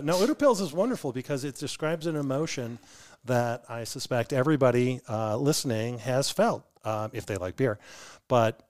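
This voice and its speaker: A man's voice: medium pitch, clear, resonant tone. Storytelling male brewery founder. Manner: storytelling, explanatory. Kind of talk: casual podcast interview.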